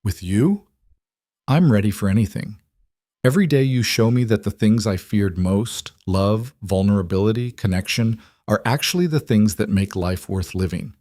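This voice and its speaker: A man's voice: on the low side, normal speed, dry recording, clean studio sound, close to an everyday voice. A man voicing a tender, devoted king. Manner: soft, heartfelt speech. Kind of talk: audiobook story narration.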